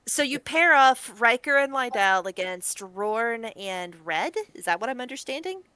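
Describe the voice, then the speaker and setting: A woman's voice: fairly high pitch, lively intonation, measured pace, pushed and bright, clean tone, no echo. A woman running a tabletop game as game master, narrating casually and often breaking off to correct herself. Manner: chatty, self-interrupting, laughs at her own setup.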